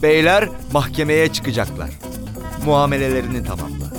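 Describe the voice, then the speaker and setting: A man's voice: mid-range voice, sing-song, moderate pace, over music, pitched above the performer's own voice, lightly acted. A man voicing a stubborn police commissioner who curtly refuses a reconciliation and gives orders. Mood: stern. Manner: curt, authoritative, loud. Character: weary night-shift police commissioner, stubborn.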